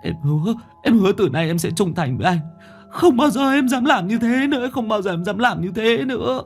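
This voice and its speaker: A man's voice: animated, fairly quick, soft background music. A man doing a whimpering, terrified thug. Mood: pleading. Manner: stammering, whimpering, high and pleading. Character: terrified young male thug begging for his life.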